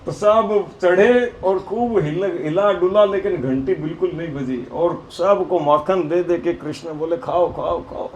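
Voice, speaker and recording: A man preacher telling devotional stories in an animated way, often laughing. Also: sits high, unhurried, few pauses. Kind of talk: devotional storytelling sermon. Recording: echoey hall with faint noise.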